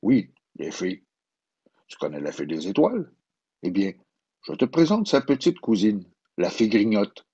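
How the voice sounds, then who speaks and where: A man's voice: on the low side, big pitch swings, a little slow, warm tone, breathy edge, lo-fi sound, heavily acted. Man playing a jolly, bearded old shopkeeper. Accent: Quebec French. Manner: hearty, teasing.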